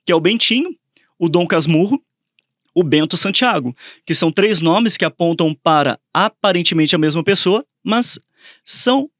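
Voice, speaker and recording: This Portuguese teacher and podcast co-host speaks at a moderate pace in a high, bright voice, explaining literature to his co-host in relaxed educational conversation. His storytelling about class is lively, with quoted voices acting out students and characters. The recording is close, dry and free of echo.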